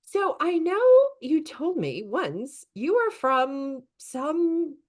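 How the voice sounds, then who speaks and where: Lively-voiced woman podcast host. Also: high-pitched, extremely slow. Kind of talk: podcast interview.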